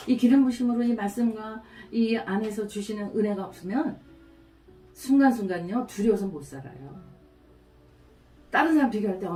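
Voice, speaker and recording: A middle-aged woman pastor delivering a sermon, telling stories with animated, acted-out quotes. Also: medium pitch. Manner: storytelling, animated, acts out quotes. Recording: roomy, from a distance, faint music.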